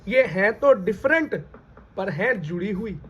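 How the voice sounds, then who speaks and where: A man's voice: sits high, expressive, a little slow, sharp tone. A man teaching a biology lesson, who calls his students "beta", asks them questions and repeats their answers. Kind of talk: classroom lecture. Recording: dull lo-fi recording.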